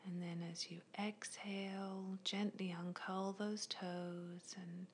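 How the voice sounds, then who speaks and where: A woman guiding a progressive muscle relaxation in a soft, unvoiced ASMR whisper, with slow, gentle, soothing instructions. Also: mid-range voice, flat delivery, a little hiss or hum. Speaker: relaxation guide.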